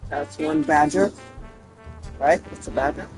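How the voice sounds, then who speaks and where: A man with a hoarse voice giving rambling, casual commentary as he plays a game. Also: fairly high pitch, a little slow, soft background music, poor audio. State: hoarse after recent surgery. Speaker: game streamer.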